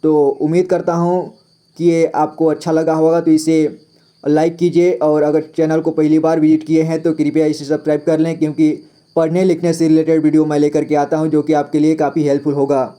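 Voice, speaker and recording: A man teaching Hindi spelling to beginners, reading words out one by one in a patient, drawn-out way. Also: on the high side, completely flat delivery, warm tone. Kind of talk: slow spelling lesson for beginners.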